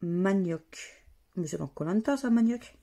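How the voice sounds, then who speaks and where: A woman's voice: medium pitch, lively intonation, a little slow, warm tone. A woman, casually commenting as she scratches lottery tickets and spells out letters and words one by one. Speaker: scratch-card vlogger.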